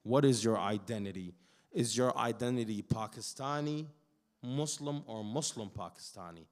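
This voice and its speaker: Born in Iraq and raised in Canada, this man gives a sermon at a Muharram gathering, reciting Arabic verses and then translating them. His mid-range voice moves at a normal speed, shifting from quiet reflection to loud, emphatic declaration.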